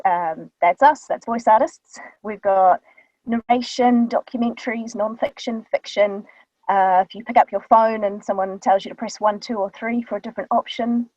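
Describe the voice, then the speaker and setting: A woman with a New Zealand accent, her mid-range voice a little mellow, explains her work as a voice artist in casual, chatty talk full of ums. She's speaking into a studio microphone in a small vocal booth, and the sound is dull and dry with no echo.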